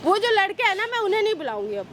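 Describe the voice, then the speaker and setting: A shameless young daughter-in-law, acted by a woman mocks and taunts in a very high, piercing voice. She sounds like a street skit shot outdoors, with faint traffic hum behind her. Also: big pitch swings, racing, fairly bright tone, heavily acted. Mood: defiant, mocking. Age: young adult. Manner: taunting, mocking, unashamed. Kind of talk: street social skit acting.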